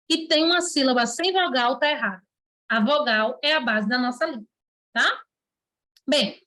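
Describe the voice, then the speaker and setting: A woman teacher with a Brazilian Portuguese accent explaining letters and syllables in an online lesson, patiently asking rhetorical questions and spelling sounds out slowly. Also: high voice, a bit bright.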